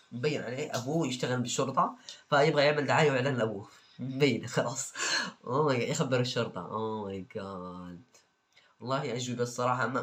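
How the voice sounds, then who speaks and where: Fast-talking joking young man. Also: mid-range voice, a bit bright. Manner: joking, mock-exasperated, repeats exclamations. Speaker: video host. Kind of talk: reacting to funny exam answers.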